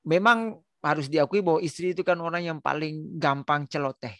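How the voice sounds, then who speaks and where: A middle-aged male pastor talks in a loose, chatty sermon manner, breaking off and restarting his sentences often. His voice sits a little high for a man. The sound is dry and close, with no room echo. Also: normal speed, a bit bright. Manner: hesitant, many restarts and fillers, tells stories. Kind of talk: casual sermon-like chat.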